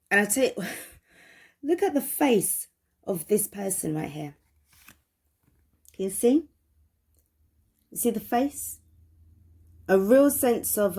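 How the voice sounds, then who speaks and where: A woman's voice: mid-range voice, darkish tone, breathy edge. A woman giving a tarot reading, talking emphatically, repeating phrases and asking viewers questions. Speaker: tarot reader.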